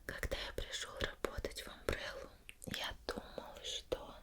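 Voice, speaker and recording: A woman plays an interviewer in an ASMR roleplay, asking her questions slowly and gently. Her manner is formal and deliberate, with pauses between lines.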